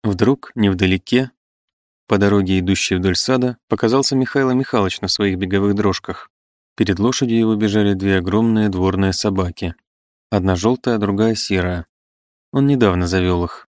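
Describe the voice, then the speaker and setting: A man reading a classic novel aloud in a measured, even narration. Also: on the low side, no echo, clean studio sound. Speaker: audiobook narrator. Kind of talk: literary audiobook reading.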